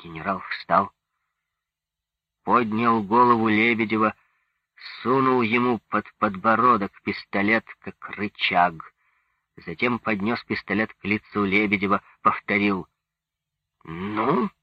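A man gives a scripted book narration in a slow, even manner, his voice husky and on the low side. The recording is dry and dull, like a lo-fi audiobook.

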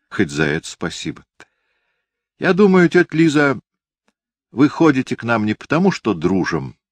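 A man's voice: lowish voice, no echo, pitched above the performer's own voice. A man voicing a scornful ten-year-old boy. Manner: sardonic, dismissive.

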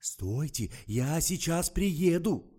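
A man's voice: mid-range voice, big pitch swings, takes it slowly, warm tone, pitched above the performer's own voice. A man voicing a flustered, pushy male publicist in an audiobook, talking in an agitated, demanding way.

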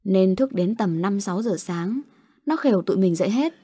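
A woman narrating an audio story in a steady storytelling voice. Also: mid-range voice, normal speed, slightly rough, dry recording.

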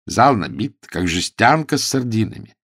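An excitable, fussy middle-aged fight manager, pleading and wailing in an overwrought way, voiced by a male reader. The voice is raspy and gravelly, leaping up and down in pitch, recorded dry and close. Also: normal speed, no room sound, exaggerated voice.

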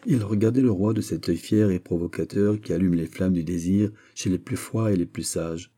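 A man narrating a classic novel in a measured, calm literary reading. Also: sits low. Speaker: audiobook narrator.

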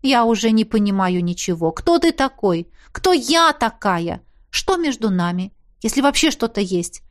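A woman voicing a fiery young heroine who is quick to anger, talking sharply and sarcastically. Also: a little high, big pitch swings. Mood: exasperated.

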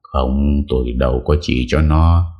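A grave old temple master speaks in slow, measured explanation, as a man reading a storybook puts him on. The voice sits extremely low and stays calm throughout. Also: dull audio.

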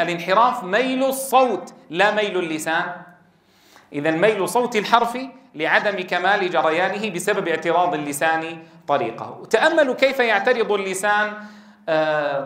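A man's voice: high voice, fairly bright tone. A man teaches a lesson on Quran recitation. He stresses and repeats each key point as he talks to his students. The recording has a roomy echo. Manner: emphatic, repeats key points, addresses listeners as brothers. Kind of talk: classroom lecture on recitation rules. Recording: echoey room.

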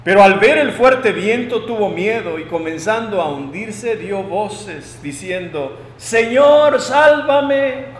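A high-pitched man preaching in an emphatic sermon style. He swings from loud proclamations to quiet asides. His voice carries a long, echoing reverb from the church hall. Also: measured pace, hardly any pauses.

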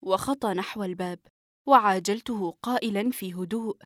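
A woman narrating a novel for an audiobook in a steady, even storytelling manner. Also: medium pitch, brisk, dry recording, studio quality.

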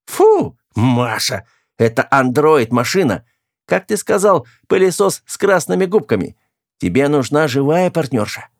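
A man's voice: fairly high pitch, sing-song, a little slow, voice pushed up, heavily acted. A man voicing a capricious, bold young woman in an audiobook, teasing one moment and scolding the next. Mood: scornful. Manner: teasing, then sharp and scolding. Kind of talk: audiobook character voice.

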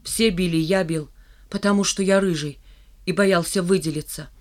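A reader voicing a shy red-haired schoolboy who turns defiant in an audiobook, emotional and near shouting. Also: mid-range voice, steady tone, normal speed, lightly acted. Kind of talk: audiobook character reading.

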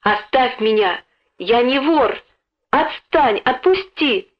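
A woman voicing an excitable young boy, shrill and hot-headed. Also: takes it slowly, full character voice. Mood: furious. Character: excitable young schoolboy, quick-tempered. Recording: dull lo-fi recording.

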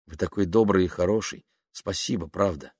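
A man reading an audiobook, voicing a playful nineteen-year-old female student who talks softly and coaxingly. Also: low voice, normal speed, slightly rough, no echo, studio quality.

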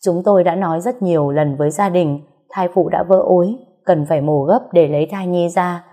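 A woman's voice: lowish voice, warm tone. A woman reading as a somber hospital nurse. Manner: slow, somber.

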